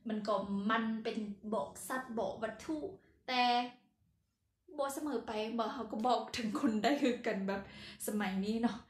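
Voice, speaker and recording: A woman's voice: on the high side, fairly even intonation, moderate pace, roomy sound. A woman with a Lao accent teaching a casual language lesson, chatty and laughing at her own slips.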